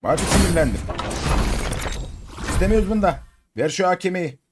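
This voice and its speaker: Over music, a Turkish man talks fast in a high voice while opening crates in a mobile game. He's excitable, chanting repeated words, coaxing his cat and giving casual commentary.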